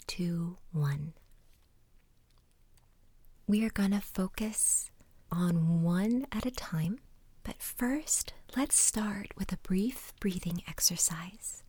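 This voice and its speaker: A woman guiding a relaxation exercise in a soft, soothing ASMR whisper, breathy and gentle, close to the microphone. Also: mid-range voice, dry recording. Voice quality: breathy, unvoiced. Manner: slow, unhurried instructing with pauses.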